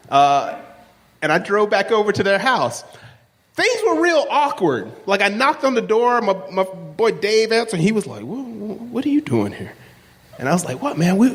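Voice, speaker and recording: A man with a loud, projecting voice, telling a personal story on stage and acting out the dialogue. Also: sits high. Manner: animated, acts out dialogue in raised voices. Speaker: live storyteller. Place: stage in a large hall. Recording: live recording with long hall reverb.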